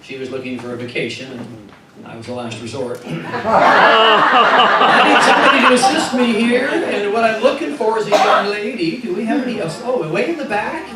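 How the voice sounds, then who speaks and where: A man's voice: sits high, normal speed, a loud crowd. A man hosting a live magic show on stage, joking and coaxing the audience to play along. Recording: echoey hall, from far off, loud music.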